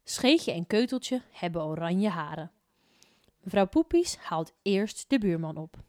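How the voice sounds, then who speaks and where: A woman reading a children's story aloud in an expressive way, slipping into whispers at tense moments. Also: fairly low pitch, unhurried, no room sound, studio quality.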